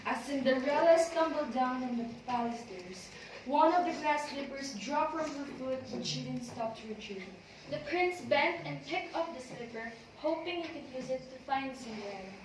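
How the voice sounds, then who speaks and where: Heard from a distance in a very echoey, noisy room, a woman reads storybook narration from a script as narrator for an amateur readers' theater. Her voice sits high and is expressive, at normal speed.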